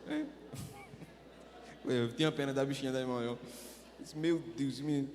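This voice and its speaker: Pastor preaching with humor. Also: male voice, mid-range voice, moderate pace, a little mellow. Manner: humorous, acts out voices in anecdotes. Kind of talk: storytelling sermon. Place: church sanctuary. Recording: long hall reverb, faint noise.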